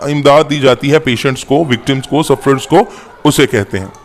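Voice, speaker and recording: A man teaching an English-to-Urdu lesson, slowly repeating each word and its meaning. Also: medium pitch, in a large hall, slight background noise. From Pakistan. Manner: spells out words slowly, repeating each one.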